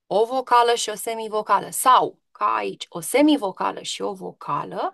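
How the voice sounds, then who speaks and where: A woman's voice: fairly high pitch, fairly bright tone, no room sound, studio quality. A woman teacher giving an online grammar lesson to pupils, patient and questioning, stretching out example words.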